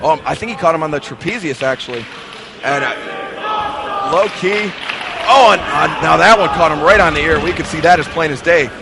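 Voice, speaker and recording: A man with a high voice works as a wrestling commentator, calling each move live and excitedly. He repeats key phrases, over very heavy noise and a loud crowd. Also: moderate pace, gravelly. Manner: excited, calls moves with exclamations and repetition. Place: wrestling event in an armory. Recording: loud crowd noise, echoing sports venue ambience. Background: loud crowd and venue noise.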